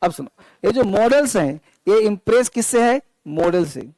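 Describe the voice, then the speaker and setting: A male teacher with a high-pitched voice lectures a classroom, quizzing the children as he explains. The sound is close and dry, with no room echo. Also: very animated, moderate pace, darkish tone. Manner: addresses students as children, asks the class questions. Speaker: English teacher. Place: classroom with students, also streamed online.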